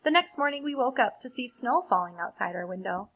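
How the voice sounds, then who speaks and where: With a fairly bright voice on the high side, a woman expressively reads a children's storybook. Like a teacher, she stops now and then to explain things to the young listeners.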